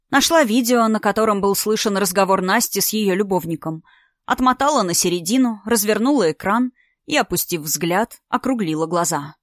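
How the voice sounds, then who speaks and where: A woman narrating a story in an even, expressive reading voice. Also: medium pitch, no echo, studio quality.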